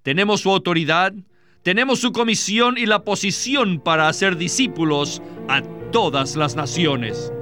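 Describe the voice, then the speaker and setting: A man's voice: sits high, normal speed, bright, forceful tone, faint music behind. A man voicing a preacher's sermon in a close, dry studio recording, emphatic and asking and answering his own questions. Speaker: voice-over interpreter of a preacher. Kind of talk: dubbed sermon.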